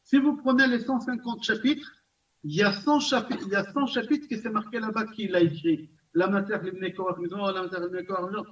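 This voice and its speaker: In a community center room, a high-voiced rabbi gives a recorded Torah class at a moderate pace, animated and repetitive, often asking his listeners questions. He is far from the microphone, so the sound is distant, dull and lo-fi.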